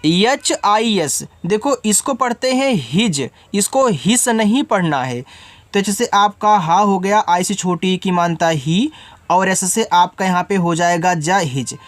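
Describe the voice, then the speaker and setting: A man's voice: sits high, no room sound. A man teaching English spelling step by step, patiently spelling out letters and asking then answering his own questions.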